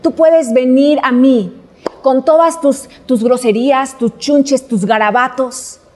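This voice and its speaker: A woman doing young David, a bold shepherd boy, earnest and high-voiced, in a sermon retelling. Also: takes it slowly, darkish tone. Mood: defiant.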